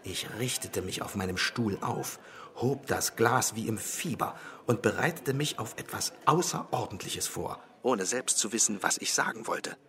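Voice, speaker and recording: A man narrating a radio drama in the first person, with a brooding, bitter manner and a husky voice. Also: lowish voice, lively intonation, moderate pace, a bit bright.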